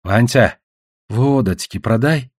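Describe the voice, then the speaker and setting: A bold young native hunter, played by a male narrator, bargaining in broken pidgin. The voice sits near the reader's own, measured and close, in a dry audiobook recording. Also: mid-range voice, steady tone, no echo, lightly acted. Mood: eager.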